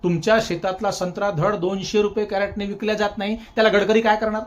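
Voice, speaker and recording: A man's voice: high-pitched, level tone, fast talker, muffled recording. A man giving satirical political commentary as a sarcastic, mock-scolding host who keeps repeating jeering taunts and chuckles as he talks. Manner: chuckles while speaking.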